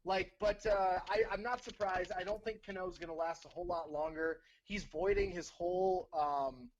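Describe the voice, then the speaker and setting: A man's voice: high voice, normal speed, dull audio. A man co-hosting a sports podcast, giving blunt takes and often repeating himself. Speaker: podcast co-host. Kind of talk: casual sports talk.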